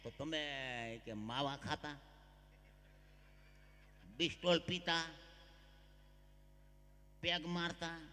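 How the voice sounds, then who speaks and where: A man voicing a sharp-tongued, bossy old village mother-in-law who scolds her daughter-in-law in drawn-out calls. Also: on the high side, a little hiss or hum, pitched below the performer's own voice, heavily acted. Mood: scolding. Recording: long hall reverb.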